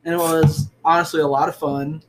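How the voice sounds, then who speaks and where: A young man co-hosting a casual movie podcast, giving dry, deadpan one-liners. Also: a little high, a little fast, background noise. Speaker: podcast co-host.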